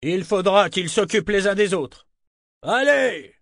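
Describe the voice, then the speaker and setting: A man voicing a flustered middle-aged male merchant who shouts urgent orders to a panicking crowd, in an audiobook. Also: a little high, normal speed, no room sound, studio quality, voice pushed up, natural voice. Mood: urgent shouting. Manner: loud, urgent, commanding. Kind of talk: audiobook character voice.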